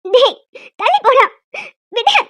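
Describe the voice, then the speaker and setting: Squeaky high cartoon girl, scared but scolding, rapid, music behind. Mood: defiant. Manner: scolding, pleading. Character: frightened defiant young woman, employee.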